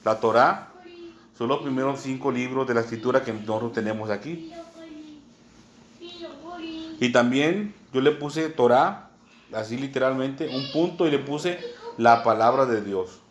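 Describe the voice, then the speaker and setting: Mexican male preacher, mid pitch, patient teaching sermon, faint noise under the voice. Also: expressive. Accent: Mexican Spanish. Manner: unhurried teaching tone, many "¿verdad?" asides, spells words out.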